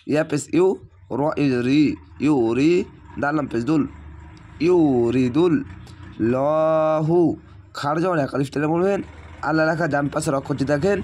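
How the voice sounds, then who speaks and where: A hoarse man teaching Quran reading, spelling out letters and vowel marks syllable by syllable in a patient lesson. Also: on the high side.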